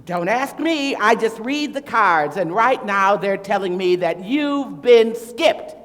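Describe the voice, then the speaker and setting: A man playing a theatrical male fortune teller who reads cards, making slow, deadpan pronouncements in a reverberant hall. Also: high voice, exaggerated voice. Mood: mysterious.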